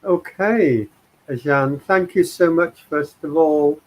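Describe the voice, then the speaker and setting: Guest, male, from Liverpool, calm and unhurried storyteller, over a video call. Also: on the high side, low-quality recording. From England, Liverpool. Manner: slow, thoughtful, many pauses and ums. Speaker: guest speaker. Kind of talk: personal life story.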